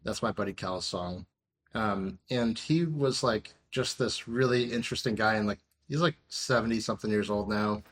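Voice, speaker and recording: A man in his thirties talks as a podcast guest in an easygoing, wandering way. His voice sits on the lower side. He fills every pause with "um" and "like". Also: fairly bright tone. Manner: rambling, many fillers like "um" and "like". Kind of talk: casual interview chat.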